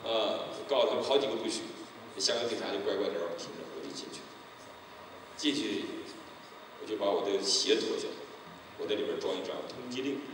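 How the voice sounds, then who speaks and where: A man's voice: fairly low pitch, fast, pauses often. A middle-aged man preaching an evangelistic sermon, telling his story vividly and acting out the people in it. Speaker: pastor. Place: church sanctuary. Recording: echoey hall, distant mic, noisy.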